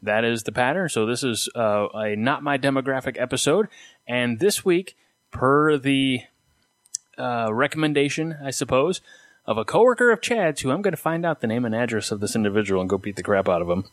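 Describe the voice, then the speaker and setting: A man co-hosting a podcast, a baritone with a jokey, upbeat manner in casual chat. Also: a little fast, dry recording. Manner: upbeat, jokey, lively plugs. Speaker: podcast co-host.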